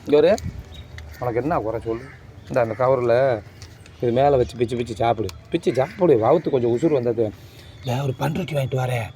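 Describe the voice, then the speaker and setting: A man's voice: mid-range voice, fairly quick, long pauses, mellow. Man, coaxing and repetitive, outdoor phone clip with light background noise. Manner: coaxing, rambling, repeats himself. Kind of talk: consoling, street talk.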